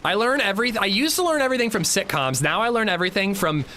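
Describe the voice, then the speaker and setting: A man's voice: high voice, lively intonation, fast talker, sharp tone, slight background noise. A male streamer chatting casually with his audience and friends, self-mocking and reading out chat messages. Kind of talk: casual gaming livestream chat.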